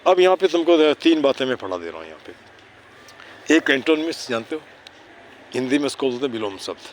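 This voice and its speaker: A man of middle pitch explains things to children in a casual outdoor teaching chat, near a city park. He keeps checking that they follow with little tag questions, slips English words and phrases into his sentences and recites rhyming slogans. Faint traffic hums behind him. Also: very animated, a little fast. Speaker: neighbourhood cleanliness volunteer teaching children.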